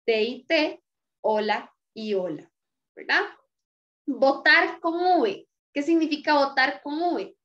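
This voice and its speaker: A woman's voice: high voice, fairly bright tone, lo-fi sound. A woman teacher explaining a lesson patiently, often checking in with her students. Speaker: Spanish teacher. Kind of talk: recorded class lecture.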